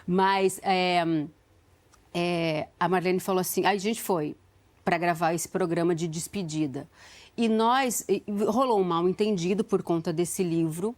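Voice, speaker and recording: A woman's voice: fairly low pitch, measured pace. A woman in her forties, a talk show guest, telling a story earnestly with frequent restarts. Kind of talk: emotional storytelling.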